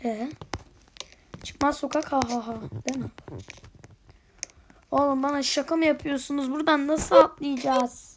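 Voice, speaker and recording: A young woman chatting excitedly over her gameplay as a channel host, muttering and whispering to herself. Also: sits high, moderate pace, long pauses, slight background noise. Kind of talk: casual gameplay commentary.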